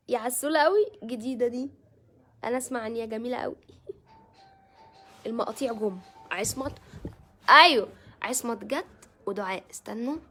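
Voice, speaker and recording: A woman's voice: fairly high pitch, fairly bright tone. An Egyptian woman hosting a casual live stream, chatting with viewers and greeting them by name. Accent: Egyptian Arabic.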